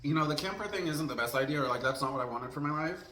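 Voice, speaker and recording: A man with a slightly high, bright voice talks casually to his viewers. He rambles and vents candidly, like a food vlogger telling stories over a meal. The room is echoey, with a little background noise. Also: racing. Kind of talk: casual mukbang storytime chat to camera.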